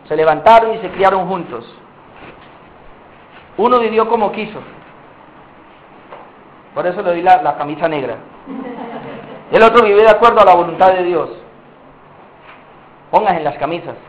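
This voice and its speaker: A male pastor delivers an emphatic sermon and keeps calling out to his congregation as brothers. His voice is pitched very high for a man. The sound carries through an echoey church hall. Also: moderate pace, long pauses, dull audio, a little hiss or hum.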